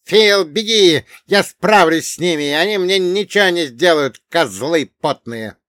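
A man voicing a feisty, foul-mouthed male dwarf who yells brash insults. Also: animated, unhurried, no room sound, clean studio sound. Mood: defiant yelling. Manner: yelling insults, shrill and brash.

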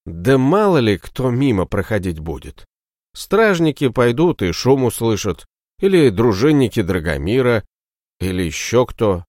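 Man reading as a calm, commanding warband leader. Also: medium pitch, unhurried, no room sound, studio quality. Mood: firm. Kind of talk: audiobook reading.

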